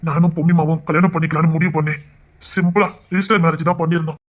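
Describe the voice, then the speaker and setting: A man telling a dramatic serial story aloud, voicing every character himself and rising into emotional high lines. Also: flat delivery, very fast.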